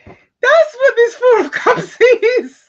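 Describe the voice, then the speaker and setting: High, lively woman on a lo-fi recording. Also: takes it slowly. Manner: chatty, rambling, often breaks into giggles. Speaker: tarot reader. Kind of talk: casual tarot reading with political commentary. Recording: dull lo-fi recording.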